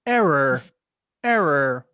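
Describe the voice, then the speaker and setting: A man putting on the voice of a glitching self-checkout machine, speaking in stilted, halting phrases and repeating an error. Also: fairly high pitch, big pitch swings, bright, forceful tone, clean tone, no echo, exaggerated voice. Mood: robotic.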